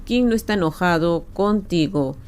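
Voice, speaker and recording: A woman voicing Kamol, a mafia boss man who speaks in a deep, steadying voice. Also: animated, moderate pace, smooth. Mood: calm.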